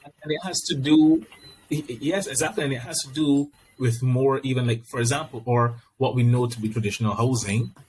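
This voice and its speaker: A man with a Barbadian accent talking conversationally on a podcast, explaining and arguing his points in a measured way. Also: medium pitch, fairly even intonation, darkish tone, a little hiss or hum, poor audio. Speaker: podcast speaker. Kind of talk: conversational discussion.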